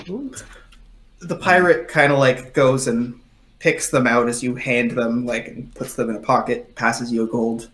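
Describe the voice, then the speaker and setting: A man's voice: mid-range voice, fairly even intonation, a little slow, a bit bright, reverberant. A man narrating a tabletop role-playing game as game master, describing scenes with many fillers.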